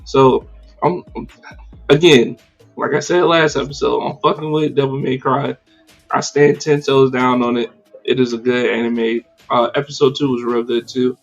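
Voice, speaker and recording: A man hosting a casual livestreamed podcast, talking in an animated, slangy and profane way with many fillers. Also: mid-range voice, normal speed, creaky, dull audio, faint music behind. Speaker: podcast host.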